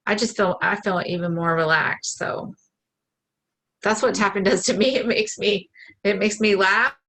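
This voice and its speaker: A woman with a mid-range voice follows a tapping session, echoing each affirmation back at an easy pace. Afterwards she talks in a relaxed, casual way and laughs readily. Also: medium pitch, normal speed. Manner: relaxed, laughs easily, repeats phrases back. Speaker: co-host of a tapping challenge. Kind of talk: repeating tapping affirmations, then casual chat.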